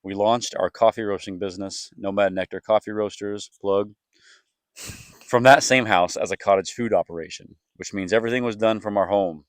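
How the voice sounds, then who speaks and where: A man's voice: fairly low pitch, no echo, clean studio sound. A young man reading a scripted vlog voice-over as an earnest storyteller. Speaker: family vlogger, co-host.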